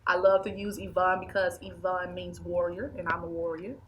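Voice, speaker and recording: In a small indoor studio set, a woman in her 20s, an anger management specialist, talks casually as an interview guest. Her lowish voice barely changes pitch and moves at a moderate pace; she is emphatic and preachy, repeating phrases, on lo-fi audio with slight background noise.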